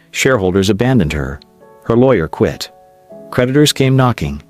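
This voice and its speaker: Guy narrating a story, lowish voice that moves around a lot, soft music under it. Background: faint music.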